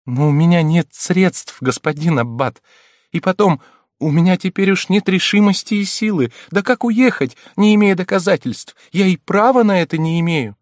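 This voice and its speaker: A man's voice: fairly high pitch, expressive, normal speed, no echo, studio quality, voice pushed up, natural voice. A man voicing a meek, weeping young noblewoman who pleads helplessly. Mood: pleading.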